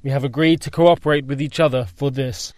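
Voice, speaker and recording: A man speaking as an interpreter, giving an English translation voice-over of a formal statement in a measured, even way. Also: medium pitch, dry recording. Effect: English translation voice-over of a leader's statement.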